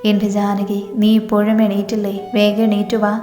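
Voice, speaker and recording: A woman voicing the ghost of an old grandfather who gently coaxes his wife, in a storybook reading with faint music behind. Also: mid-range voice, monotone, normal speed, lightly acted. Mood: coaxing. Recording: echoey reverberant room, faint music.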